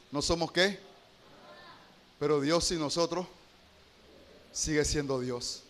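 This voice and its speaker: High, bright-voiced preaching pastor. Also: male voice. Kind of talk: sermon.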